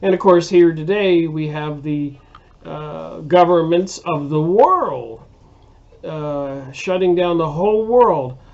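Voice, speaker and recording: A man talks through a casual monologue at a slow, halting pace, stopping often for fillers and restarting his sentences. His voice sits a little high for a man. The recording sounds dull and lo-fi. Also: lively intonation, a little mellow. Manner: rambling, hesitant, many fillers and restarts. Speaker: video host reviewing books.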